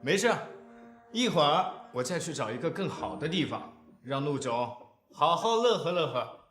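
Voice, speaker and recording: A man's voice: fairly high pitch, very animated, moderate pace, fairly bright tone, echoey room, soft background music. An actor playing a sleazy, pushy male businessman who leers and bosses others around in a TV drama. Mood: mocking. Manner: leering, bossy. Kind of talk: TV drama acting.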